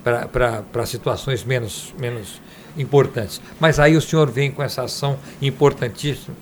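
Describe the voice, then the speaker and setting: A male interviewer with an ordinary mid-range voice. He thinks out loud and builds long reflective questions for his guest. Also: medium pitch, normal speed, slight background noise. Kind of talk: radio interview.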